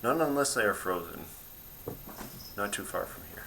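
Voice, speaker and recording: A man voicing a calm, guarded mother bear. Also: on the low side, moderate pace, a little hiss or hum, rough recording. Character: wary mother bear protecting her family.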